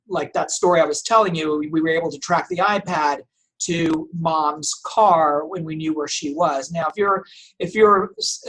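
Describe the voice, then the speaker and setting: A man's voice: a little high, a bit bright. A middle-aged man from Portugal, a native Portuguese speaker, talking as a family law guest on a podcast. He speaks thoughtfully, often restarting his sentences and using fillers. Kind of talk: conversational podcast interview.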